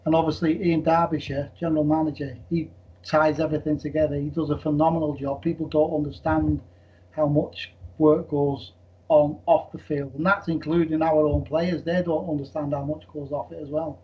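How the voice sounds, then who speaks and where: A man's voice: fairly high pitch, flat delivery, moderate pace. A man answering interview questions about his team, earnest and repeating words as he starts. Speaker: team official. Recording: dull lo-fi sound.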